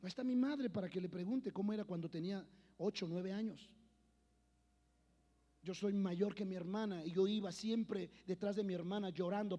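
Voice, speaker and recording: A high-pitched man preaches from the pulpit, rising into loud declarations and then dropping into hushed personal storytelling. His voice rings out with a long reverb through a church hall. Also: lo-fi sound. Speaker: pastor. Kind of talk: sermon.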